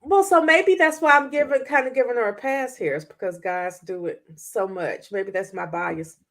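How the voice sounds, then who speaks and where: A woman's voice: a little high, moderate pace. A woman co-hosting a talk show as a therapist, giving frank, informal advice in a conversational way.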